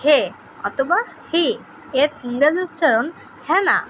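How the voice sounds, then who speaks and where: A woman teaching a pronunciation lesson, reading out letter pairs and example words one by one in a slow, deliberate way. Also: high voice, lively intonation, lo-fi sound, a little hiss or hum.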